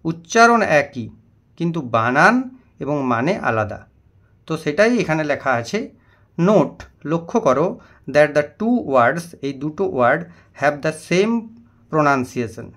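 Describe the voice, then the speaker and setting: Man, slightly high voice, patient classroom teacher, spells words letter by letter. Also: a bit bright. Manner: slow, deliberate reading of English example sentences. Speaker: English teacher. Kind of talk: classroom lesson explaining vocabulary.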